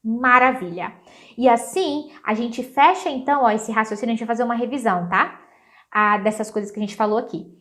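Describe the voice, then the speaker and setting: Teaching English with cheerful energy, this young Brazilian woman repeats phrases slowly in her Brazilian Portuguese accent. Her voice is on the high side and a bit bright.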